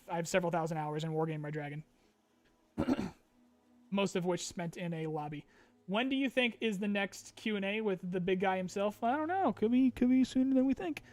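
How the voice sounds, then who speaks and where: A man with a high voice streams a casual chat, reading viewer questions out loud and answering loosely with plenty of fillers. He's a little tired, and his voice is starting to strain.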